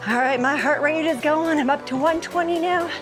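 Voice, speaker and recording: High-pitched woman coaching a workout. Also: normal speed. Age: middle-aged. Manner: encouraging, motivational, calling out short cues; energetic, exercising while talking. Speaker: fitness instructor, host. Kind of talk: workout instruction, coaching through exercises. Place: inside a motorhome living area. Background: music.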